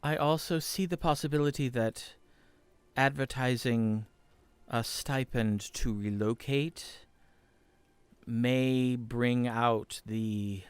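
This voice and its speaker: A man voicing a formal council leader who speaks in measured, ceremonial phrases. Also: medium pitch, clear, resonant tone, no room sound, natural voice. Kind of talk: tabletop role-play voice.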